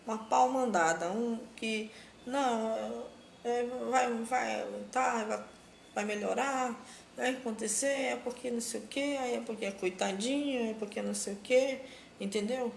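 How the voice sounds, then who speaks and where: A woman's voice: a little high, measured pace, creaky, echoey room, slight background noise. A woman giving religious advice on a live stream, urging her listeners as brothers and sisters and repeating herself for emphasis. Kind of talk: casual preaching on a live stream.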